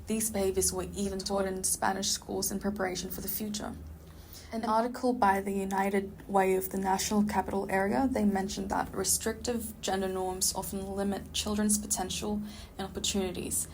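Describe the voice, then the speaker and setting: A woman reads a prepared script for a student podcast in a measured way. Her pitch stays flat at a middle level. A faint hiss sits under the recording. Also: gravelly.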